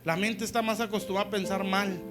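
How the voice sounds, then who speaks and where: A man's voice: high-pitched, steady tone, fast, music in the background. A male pastor preaching conversationally, often checking in with "¿sí?" and acting out quoted voices. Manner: acts out quoted voices in dialogue. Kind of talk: sermon. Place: church service.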